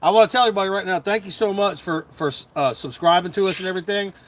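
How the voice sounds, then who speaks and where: A middle-aged man hosting a casual livestream chat as a comedian, rambling with lots of fillers and quick chuckles. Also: high voice. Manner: chuckling, full of fillers and restarts.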